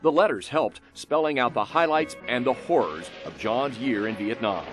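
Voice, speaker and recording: In a scripted, dramatic style, an American male reporter narrates a human-interest feature. His pitch sweeps energetically across short, punchy phrases broken by pauses, while soft music plays beneath him.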